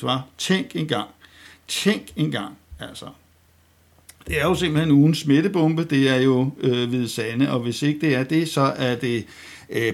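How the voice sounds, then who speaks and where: A man's voice: mid-range voice, gravelly, darkish tone. A man hosting a weekly satirical news roast, mocking and ironic, rambling with fillers and restarts.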